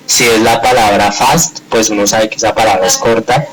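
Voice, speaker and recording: A male teacher with a fairly low voice walks his class through the grammar. He explains patiently, repeats each point and keeps checking in with the students. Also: steady tone, moderate pace, poor audio. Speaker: English teacher. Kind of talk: live online grammar class.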